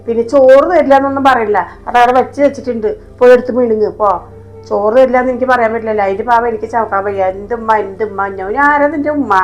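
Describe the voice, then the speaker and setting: A woman's voice: on the high side, fast talker, soft background music, close to an everyday voice, low-quality recording. A woman playing a harsh scolding stepmother. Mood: scornful. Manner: scolding, scornful, sarcastic. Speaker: stepmother in a family skit. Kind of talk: amateur family short film acting.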